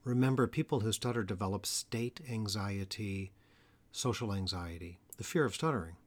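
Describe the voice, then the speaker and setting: A low-voiced man from the Atlanta area of the US hosts a solo educational podcast about stuttering. He is a podcast host and a stuttering therapist. His delivery is earnest and measured, with slow, emphatic phrases.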